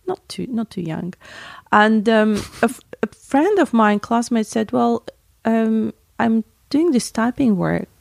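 A woman's voice: a little high, lively intonation, takes it slowly, vocal fry, a little mellow, no room sound. A woman from Latvia, chatting casually and telling a rambling story, often correcting herself mid-sentence. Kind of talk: casual chat.

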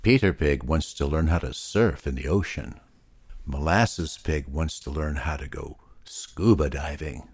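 A man reading a children's story aloud to young listeners in a slow, expressive storyteller manner. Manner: slow, expressive storyteller delivery, swooping pitch.

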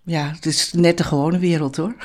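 In this reminiscing interview, an older woman recalls her time living in a commune. Her voice sits low and is steady and a little mellow at a normal pace, and she chats hesitantly, often using fillers and restarting.

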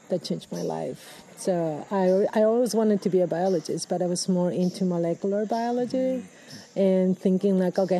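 A Peruvian woman in her fifties, an ecologist, speaking in a thoughtful, halting way with restarts and fillers, recorded outdoors in a rainforest. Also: on the low side, mellow, a little hiss or hum, poor audio. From Peru. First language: Spanish. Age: 50s. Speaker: ecologist guest. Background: birds, people, general activity.

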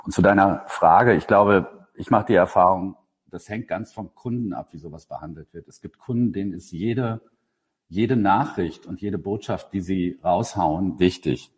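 A man's voice: deep voice, moderate pace, slightly rough. A man who produces radio ads, talking casually and at length in a podcast chat, with many fillers and restarts.

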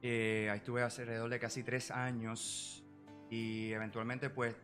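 A Puerto Rican man in his forties, a psychology professional, speaking as a podcast guest in a measured way with many filler pauses. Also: medium pitch, level tone, a bit bright, faint music behind. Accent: Puerto Rican Spanish. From Puerto Rico. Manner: measured, full of filler "eh" and "¿verdad?" tags. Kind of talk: podcast interview.

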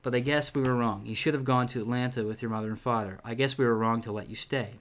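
A man's voice: medium pitch, fairly even intonation, quick pace, lightly acted. A man voicing a cocky young boy in a spooky storybook, in nearly his own voice. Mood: reading. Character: cocky boy, then reading a letter.

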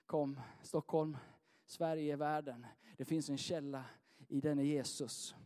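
A man preaching a sermon in a church, swinging between loud rising calls and soft, quiet appeals. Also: on the high side, steady tone. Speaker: pastor. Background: soft guitar music.

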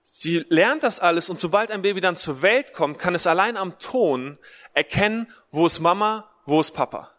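A man's voice: sits high, animated, moderate pace, fairly bright tone. A man giving a casual, conversational sermon, with a speech impediment that leaves his R unrolled, repeating short phrases for emphasis. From Russian-German family background, Germany. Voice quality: speech impediment, cannot roll the R. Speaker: preacher. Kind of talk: casual livestreamed sermon for Mother's Day. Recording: long hall reverb.

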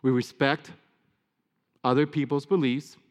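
A man's voice: mid-range voice, flat delivery, measured pace. A man, a priest, giving a sermon with earnest emphasis and playful asides. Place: church. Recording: long church reverb.

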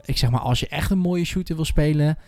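A man's voice: on the high side, brisk, darkish tone, no room sound. A man chatting informally as a podcast host about games, using slang and mixing in English loanwords. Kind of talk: casual gaming chat.

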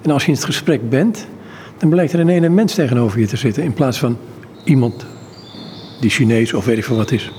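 A male interviewer asks long, probing questions at a brisk clip. His tone is dark and mellow, a touch above average pitch, and the room gives it a long, hall-like reverb with faint ambience underneath. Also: slight background noise. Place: indoor exhibition centre.

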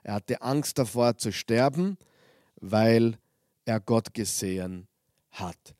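Guy preaching a sermon, reads bible bits out loud then explains, dry close sound, normal pitch. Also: slow pace, dry recording. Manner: reads Bible passages aloud with lively emphasis, then breaks off to comment. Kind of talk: sermon reading and explaining scripture.

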